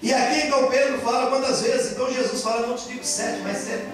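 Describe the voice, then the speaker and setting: A man preaching a sermon as pastor, impassioned, swinging between loud and soft. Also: very high voice, fairly even intonation, fast talker. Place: church hall in Japan. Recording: very echoey church hall, far from mic, faint music.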